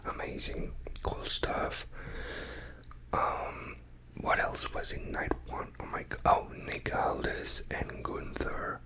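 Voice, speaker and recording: A person whispering a casual, rambling ASMR chat, hushed and quiet as if late at night, often trailing off between thoughts. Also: slow, low-quality recording. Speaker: ASMR creator talking to followers.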